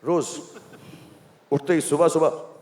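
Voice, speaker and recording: A man's voice: fairly high pitch, steady tone, takes it slowly, a little mellow. A man hosting a live stage event, joking with and coaxing guests in playful banter. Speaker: stage host. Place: event stage in a large hall. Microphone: handheld microphone. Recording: long hall reverb, faint noise.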